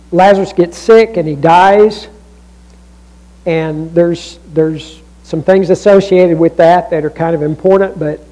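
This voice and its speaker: High-voiced pastor preaching a sermon. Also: male voice, low-quality recording. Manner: conversational, with many restarts and asides; swings from raised emphasis to near-hushed lows. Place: church.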